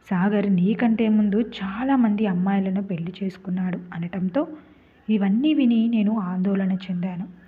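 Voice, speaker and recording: A woman voicing a protective older father, explaining in a low, grave manner within a spoken story. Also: breathy edge, lightly acted. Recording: tinny phone-like lo-fi.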